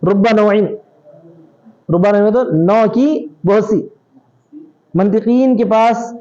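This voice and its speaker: High-voiced man teaching a religious text. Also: warm tone. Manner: reads Arabic lines then explains in Urdu, asks students questions. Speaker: teacher of Islamic legal theory. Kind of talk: classroom lecture on a text. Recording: dull lo-fi recording.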